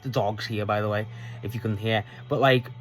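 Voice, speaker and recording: A man's voice: fairly low pitch, fairly even intonation, fairly quick, slight background noise. A man casually reviewing a wrestling show, chatty and swearing freely as he retells scenes.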